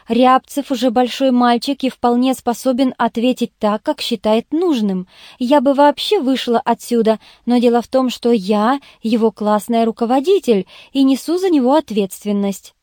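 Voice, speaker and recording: A woman's voice: on the high side, normal speed, dry recording, studio quality, close to an everyday voice. A woman reading the lines of a cold, composed schoolteacher in an audiobook. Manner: even, contemptuous.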